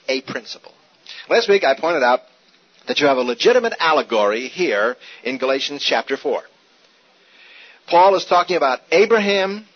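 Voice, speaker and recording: Husky, animated male Bible teacher. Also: on the high side. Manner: animated, rhetorical questions, repeats key points. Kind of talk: teaching sermon. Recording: dull lo-fi older recording.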